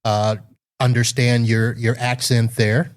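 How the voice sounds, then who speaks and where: A man's voice: mid-range voice, flat delivery, slow pace. Casual American-style podcast host man. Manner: casual, friendly questions with fillers. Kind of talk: conversational podcast interview.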